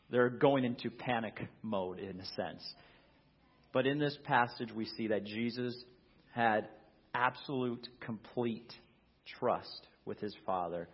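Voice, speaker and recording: A man preaching a sermon as a pastor, earnest, swinging from loud emphasis to hushed, quiet passages. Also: medium pitch, husky, dull audio.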